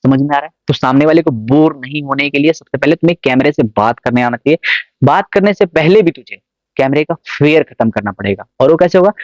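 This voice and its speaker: In a casual vlog, a man offers motivational advice to the camera, coaxing viewers and repeatedly checking that they understand. His voice is a little high and fairly quick, with no echo and the highs cut off.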